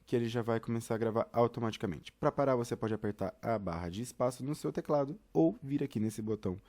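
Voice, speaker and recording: Talking fast in a mid-range, darkish voice, a man with a Brazilian accent walks listeners through an informal tutorial step by step. His manner is conversational, addressing them directly and frequently checking in.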